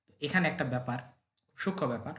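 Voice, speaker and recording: A man teaching Arabic, patiently drilling verb forms by repeating them, often clearing his throat. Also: mid-range voice, a bit bright. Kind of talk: recorded language lesson with drills. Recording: echoey room.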